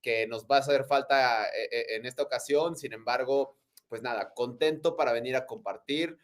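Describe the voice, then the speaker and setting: A man's voice: mid-range voice, normal speed. A Mexican man in his thirties, a guest in an interview, talking in a reflective, joking way. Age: 30s. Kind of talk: casual interview.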